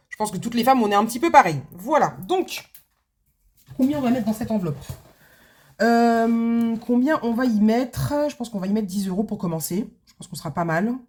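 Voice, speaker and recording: A chatty woman talks straight to camera from her desk at home, rambling through a story in a casual register. She fills the gaps with little hesitations, doubles back on herself and keeps throwing in asides to her viewers. Her voice sits at a middling pitch. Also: darkish tone. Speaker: budgeting vlogger.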